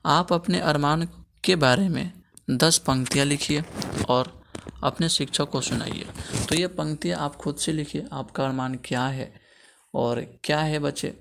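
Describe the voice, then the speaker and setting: A man's voice: a little high, measured pace, creaky, a bit bright. A man teaching a school textbook lesson, talking to his pupils as children, giving earnest moral advice and often saying "okay". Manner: addresses pupils as children, repeats "okay" as a filler. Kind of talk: Hindi textbook lesson explanation.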